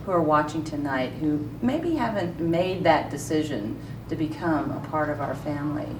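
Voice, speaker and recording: A woman's voice: low-pitched, lively intonation, normal speed. Woman presenter heard from afar. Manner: polished, promotional presenter tone. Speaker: public television host. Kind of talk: live broadcast interview. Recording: distant mic with noticeable noise.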